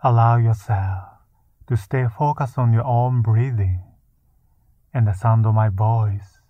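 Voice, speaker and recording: A man leading a guided meditation in a soft, soothing, hushed voice, leaving long pauses between short phrases. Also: fairly low pitch, fairly even intonation, no room sound. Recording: muffled, narrow-band phone-like sound. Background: music.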